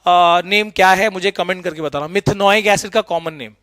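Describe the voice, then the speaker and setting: A middle-aged man teaching chemistry in a lively lecture, often checking in with "right?" and mixing English terms into his talk. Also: high voice, normal speed, dry recording, clean studio sound. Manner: lively, keeps asking students "right?"; mixes English terms into Hindi. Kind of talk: explanatory classroom lecture.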